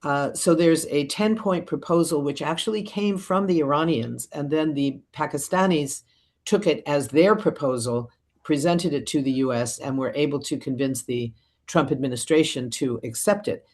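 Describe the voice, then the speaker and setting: A woman's voice: low voice, moderate pace, a little mellow. A woman political analyst giving long, fluent answers in a radio interview, with occasional fillers.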